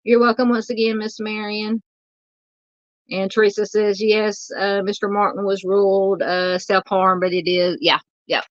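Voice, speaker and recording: A hoarse Southern woman who is losing her voice hosts a true crime livestream, casually chatting and reading viewer comments. Her mid-range voice is flat in delivery, her speech halting and filler-heavy yet polite, and the recording is dry and dull.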